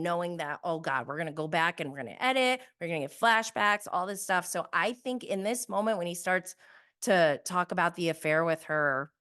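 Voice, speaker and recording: A woman's voice: lowish voice, a bit bright. A woman giving a casual, conversational recap of reality TV as a host, opinionated and emphatic in how she makes her points. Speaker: podcast host.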